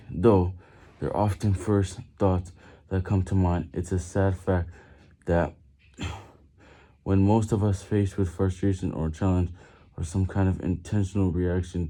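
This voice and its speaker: A man's voice: deep voice, fairly even intonation, unhurried, dark tone. A man reading a book aloud while doing push-ups, stumbling over and repeating words under the physical effort. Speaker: vlogger reading on camera.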